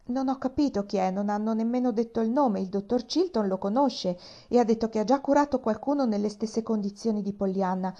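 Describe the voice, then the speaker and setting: An earnest young boy, read by a woman, explaining in a rush and pleading to be heard. The voice is mellow rather than sharp. The storybook recording sounds dull and lo-fi. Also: a little high, a little fast, few pauses, close to an everyday voice. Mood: urgent. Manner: urgent, pleading.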